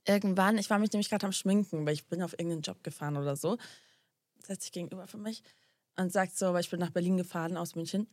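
A young woman with a somewhat low voice tells a story in a casual podcast chat. She plays out both sides of the conversation with sass and tosses in English slang. The sound is dry and close, with no room echo. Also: fast talker. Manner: animated, acts out both sides of a dialogue, drops English slang.

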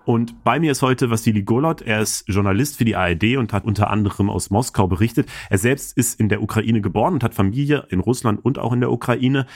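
A man hosting a podcast from home, explaining the news in a relaxed, conversational way. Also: lowish voice. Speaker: podcast host. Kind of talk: podcast talk. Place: at home in isolation.

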